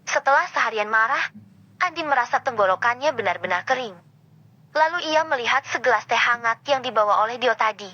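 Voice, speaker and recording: A woman reading a novel aloud with steady storytelling narration. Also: on the high side, brisk, no echo. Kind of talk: scripted narration. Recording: dull lo-fi with guitar music.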